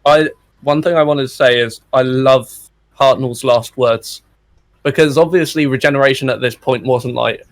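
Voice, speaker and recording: A man's voice: medium pitch, steady tone, normal speed, dry recording. A man co-hosting a podcast, chatting casually and restarting his thoughts often. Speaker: podcast co-host. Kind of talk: casual chat.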